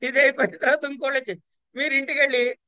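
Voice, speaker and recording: A male teacher lectures on yoga philosophy with a high, ringing voice. He keeps asking his listeners questions and then answering them himself, with a lively delivery. The sound is close and dry. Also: quick pace, dry recording, muffled recording. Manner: asks and answers his own rhetorical questions; lively, acts out everyday voices in quotes. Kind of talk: classroom lecture.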